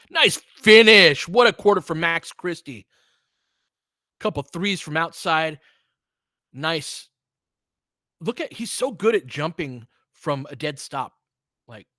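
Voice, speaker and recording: This is the host of a fan stream doing live basketball play-by-play, his commentary full of casual talk and slangy fan outbursts. The man's voice is fairly high and sharp in tone. The sound is clean studio quality without any echo.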